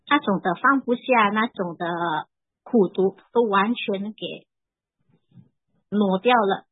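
A woman in her forties giving an earnest, emotional personal faith testimony, halting and repeating her words as she tells it. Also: medium pitch, slightly rough, dry recording. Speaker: church member giving testimony. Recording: tinny phone-like dry sound.

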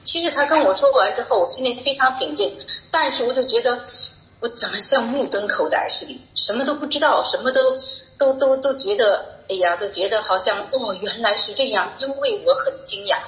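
In an echoey room, a middle-aged woman gives a personal faith testimony as a church member, telling her story earnestly and repeating herself. Her voice sits on the high side and sounds expressive, bright, and pushed, moving at a fairly quick pace.

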